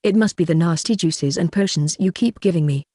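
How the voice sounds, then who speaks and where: A storybook reader voicing a sarcastic young male sorcerer, talking in a wry, deadpan way. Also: mid-range voice, a little fast, no room sound, clean studio sound, natural voice.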